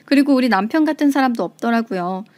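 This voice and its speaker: A woman's voice: on the high side, lively intonation, quick pace, darkish tone, no echo, close to an everyday voice. A woman voicing a self-pitying ex-wife who pleads in a whiny way. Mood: pleading.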